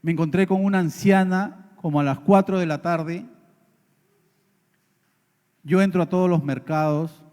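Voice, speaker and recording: A man's voice: fairly high pitch, steady tone, a little slow, long pauses, darkish tone, clean tone. A man preaching a sermon, telling a story earnestly and speaking straight to the congregation. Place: church hall. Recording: long church reverb.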